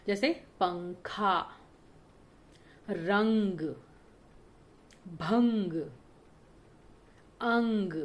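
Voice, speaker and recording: A woman teacher giving a grammar lesson to children, speaking patiently, checking often that they follow, and drawing out example words to show their sound. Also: mid-range voice. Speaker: school teacher.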